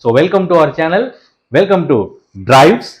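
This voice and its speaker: A man co-hosting a football troll comedy channel in an animated, joking way. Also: high-pitched, drawn-out words. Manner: animated, doing many excited voices.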